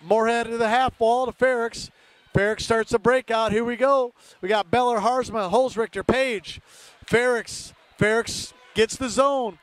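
High voiced guy doing local hockey play by play, short choppy calls, total homer. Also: steady tone, measured pace, no room sound. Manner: partisan, rooting for home team; clipped phrases naming players. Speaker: play-by-play commentator. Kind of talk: amateur hockey commentary. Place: indoor ice rink, from the stands.

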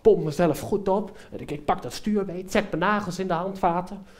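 A young adult man performs a stand-up comedy monologue on a theater stage, telling an animated story straight to the live audience. His voice is high and he talks at normal speed.

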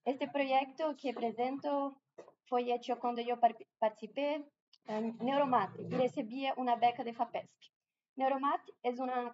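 A Brazilian woman speaks at a conference in a large room with a Portuguese accent and a fairly high, slightly mellow voice. Careful in delivery, she hesitates and restarts often. The audio is dull, with slight background noise.

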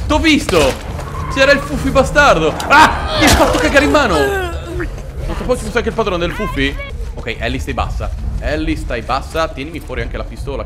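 A man's voice: medium pitch, fairly bright tone, a little hiss or hum. A man giving casual, jokey let's-play commentary, talking to his viewers and to the game characters. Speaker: gaming channel host.

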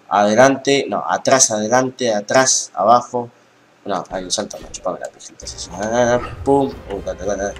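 A young man with an Argentine accent commentating his gameplay, swearing and ranting in exasperation. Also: low voice. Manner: foul-mouthed, ranting, easily exasperated. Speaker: gamer. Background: game music and sounds.

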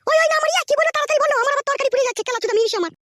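A woman's voice: very high-pitched, rapid-fire, a bit bright. A woman voicing a fierce, shrewish village wife in a comic cartoon, scolding and hurling insults. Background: background music.

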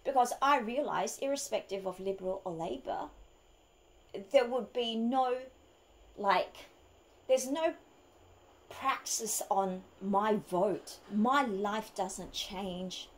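A woman's voice: mid-range voice, slow, low-quality recording. A woman from Australia, delivering an argumentative opinion monologue full of rhetorical questions. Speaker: vlogger.

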